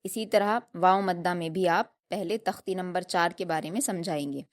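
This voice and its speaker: A woman teaching a tajweed lesson, explaining patiently step by step and drilling each sound slowly. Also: on the low side. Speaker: Quran recitation teacher.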